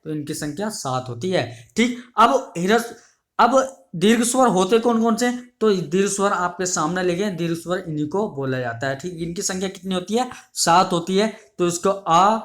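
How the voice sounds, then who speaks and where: A man's voice: high-pitched, lively intonation, fairly bright tone. A man teaching an exam-prep grammar lesson, asking questions and then answering them himself, repeating each definition and calling his students his dear children. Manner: repetitive, drills each definition slowly.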